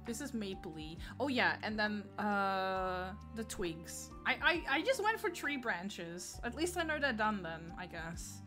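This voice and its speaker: A woman's voice: mid-range voice, big pitch swings, measured pace, few pauses, music in the background. A woman with a Dutch accent chatting casually on a gaming livestream, giggling often and greeting viewers by name.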